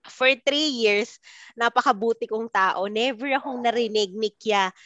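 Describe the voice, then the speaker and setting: A woman's voice: a little high, a little slow, a bit bright, no room sound, muffled recording. A woman, co-hosting a podcast and telling a personal story in a casual chat with friends. She is dramatic and acts out the messages she quotes. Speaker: podcast co-host.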